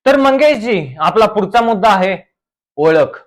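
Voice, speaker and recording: A man's voice: high voice, lively intonation, a little slow. A man hosting a mock podcast in a comedy sketch, announcing his questions in a mock-formal way. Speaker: podcast host.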